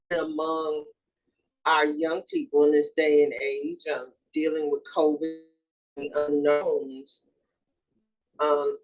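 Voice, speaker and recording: A grief and trauma therapist from Houston, Texas, a woman in her thirties, gives a recorded educational presentation. She is earnest and measured, with small fillers and self-corrections. Her voice sits low, and the recording quality is poor.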